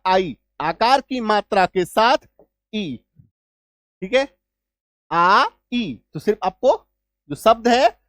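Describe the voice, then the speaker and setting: A male teacher explaining English spelling rules, spelling out letters slowly and often asking whether the class has understood. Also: sits high, dry recording, studio quality. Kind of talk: spoken spelling lesson.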